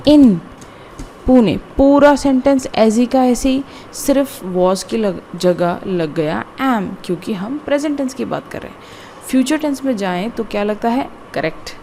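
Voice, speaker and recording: Slow, deliberate woman teaching grammar. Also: mid-range voice, a little mellow, slight background noise. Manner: slow, deliberate word-by-word explanation with repetition. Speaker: English teacher. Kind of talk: classroom-style grammar lesson.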